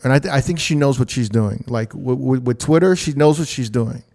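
A man hosting a podcast, chatting casually and teasing his guest in a relaxed way. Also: medium pitch, fairly quick. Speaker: podcast host.

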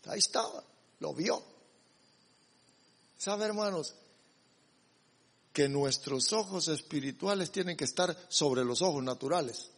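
Husky preacher man in an echoey hall. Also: on the high side, measured pace, pauses often. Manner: emphatic, addresses the congregation as brothers. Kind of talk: sermon.

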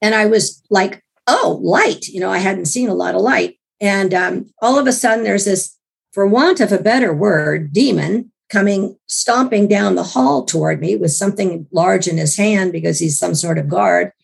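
An interview guest recounts a personal story in a gravelly, hoarse voice at medium pitch and ordinary pace; she's getting over an illness. Chatty throughout, she keeps restarting and tossing in wry asides.

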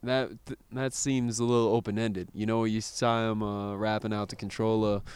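A laid-back man hosts a casual music chat, rambling along with lots of fillers. His voice sits a bit low and sounds smooth and clear. The sound is dry and close. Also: little pitch movement, normal speed, darkish tone, no room sound. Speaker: podcast host.

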